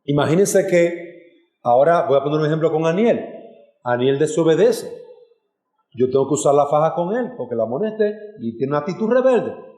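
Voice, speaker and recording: A man's voice: on the high side, expressive, normal speed, mellow, reverberant. A man preaching a sermon as pastor, earnest and direct, speaking to his congregation as brothers and sisters. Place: church hall.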